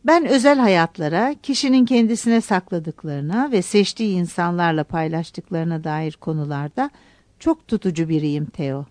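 A woman voicing an older female writer who speaks in a measured, gently firm way. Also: fairly low pitch, dry recording, natural voice.

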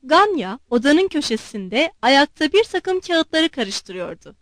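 A woman narrating a classic novel as an audiobook, clear and measured. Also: sits high, big pitch swings, dry recording. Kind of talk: scripted narration.

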